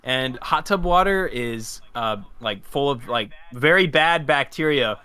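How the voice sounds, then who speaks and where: A man's voice: medium pitch, lively intonation, a little slow, pushed and bright, smooth. A young man telling a story in a casual podcast chat, hesitant and stammering. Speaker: podcast co-host.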